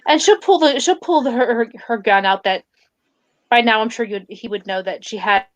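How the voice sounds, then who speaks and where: A woman in a tabletop role-play, narrating her character's actions and speaking as her, with halting restarts and fillers. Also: fairly high pitch, no room sound.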